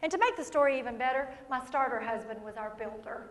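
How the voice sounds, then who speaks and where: Woman, motivational speaker, very high voice, long hall reverb. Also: fast talker. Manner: lively, punchy, calls for audience response. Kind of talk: live motivational keynote. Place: large hall before an audience.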